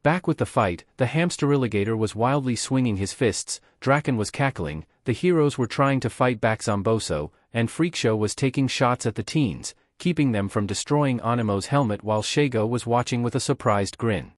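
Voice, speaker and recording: Man narrating fanfiction, lively up-and-down pitch, dry close sound. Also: moderate pace, few pauses, no echo. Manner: reads every character in one even narrating voice. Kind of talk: fanfiction read-aloud.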